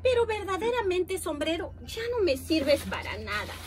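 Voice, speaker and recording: A woman's voice: extremely high pitch, normal speed, pitched above the performer's own voice. Woman reading a fussy worried uncle guy, sighs a lot, voice all over the place. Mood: fretful. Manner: fretting, sighing exclamations. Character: fretful middle-aged man, fond of his hat. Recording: steady background noise.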